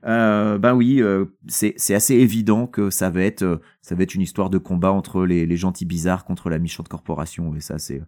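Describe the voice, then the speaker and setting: A man's voice: sits low, steady tone, normal speed, few pauses, darkish tone. A man co-hosting a casual podcast about a novel, joking and rambling with many fillers. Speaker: podcast co-host. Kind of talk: casual book discussion.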